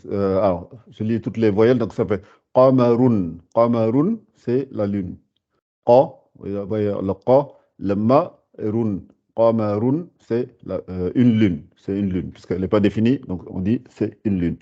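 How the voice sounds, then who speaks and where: A man's voice: lowish voice, a little slow. A man teaching a beginners' Arabic class, patiently repeating sounds and words, with frequent fillers and restarts. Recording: dull lo-fi sound.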